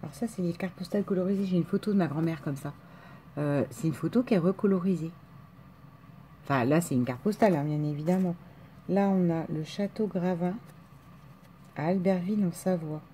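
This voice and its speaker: Chatty gushing French woman, low voice. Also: fairly quick, long pauses, dark tone, a little hiss or hum. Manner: chatty, gushing, lots of fillers and exclamations. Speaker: vlogger opening mail. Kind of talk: casual unboxing chat.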